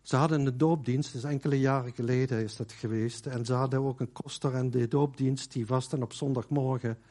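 A man preaching a sermon in a loose, conversational way, with many fillers and quoted lines that drop to a hush. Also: mid-range voice, steady tone, brisk. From Netherlands.

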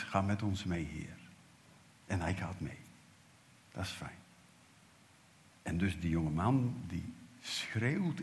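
A man preaches with a low, deep voice. He tells the story vividly, voicing its characters and swinging from loud to a hushed whisper. The church around him carries a long, trailing reverb. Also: slight background noise. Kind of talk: sermon.

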